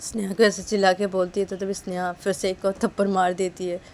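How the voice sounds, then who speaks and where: A woman's voice: medium pitch, little pitch movement, brisk, darkish tone. A woman narrating a romantic story in a plain, repetitive, casual way.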